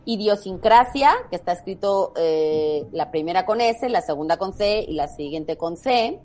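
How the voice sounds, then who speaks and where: A woman's voice: fairly low pitch, animated, normal speed, darkish tone. Patient woman explaining spelling rules. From Spain. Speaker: spelling quiz guest expert. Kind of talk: casual explanatory chat.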